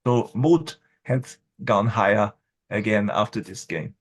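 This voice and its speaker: A man in his sixties with an Austrian accent, German his first language, reminiscing as a guest in a podcast interview, measured and restarting often. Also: on the low side. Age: 60s. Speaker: guest blogger.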